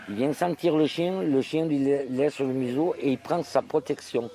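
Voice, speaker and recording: A man who farms sheep giving spontaneous interview testimony, halting and repeating his phrases. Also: medium pitch, steady tone, warm tone. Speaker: sheep farmer. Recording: noisy outdoor location recording. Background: bleating sheep and outdoor ambience.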